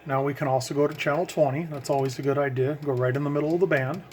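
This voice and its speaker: Handling gear while talking into a camera mic, a male CB radio hobbyist rambles through a casual how-to on radio setup, restarting as he explains. His voice is fairly high and darkish, with fairly even intonation and a fast pace. Slight background noise is present.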